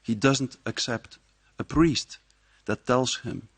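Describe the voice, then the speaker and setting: A man speaking as a professor, giving a measured, reflective talk to a live audience. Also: mid-range voice, slightly rough, dry recording. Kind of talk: public speech at a presentation. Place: live event before an audience.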